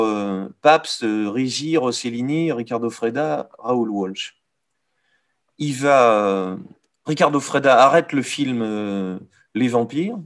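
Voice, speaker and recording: A man with a French accent giving a live art history lecture, pausing often with fillers and correcting himself. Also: medium pitch, a bit bright. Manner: hesitant, many "euh" fillers, self-correcting.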